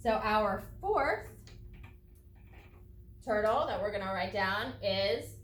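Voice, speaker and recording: With a mid-range voice and lively intonation, a female teacher reads aloud to children and spells out every step in a deliberate, instructive way, offering think-aloud commentary. She is recorded from a distance in an echoey room.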